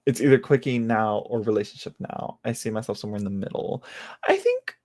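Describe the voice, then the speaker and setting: A man's voice: on the low side, fairly quick, a little mellow. A man in his late twenties, a tarot reader chatting casually on a live stream, rambling and joking at himself with many restarts. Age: late 20s.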